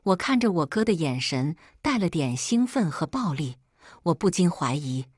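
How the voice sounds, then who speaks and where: Woman reading a family drama story, low voice that swings around a lot, dry sound. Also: big pitch swings, moderate pace, darkish tone, husky, no echo. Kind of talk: scripted first-person narration.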